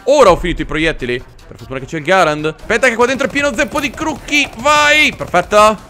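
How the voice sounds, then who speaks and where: A man's voice: sits high, animated, fast, bright, forceful tone, soft background music. A young man giving joking, chatty commentary while playing a war video game. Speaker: gaming video host. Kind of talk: let's play commentary.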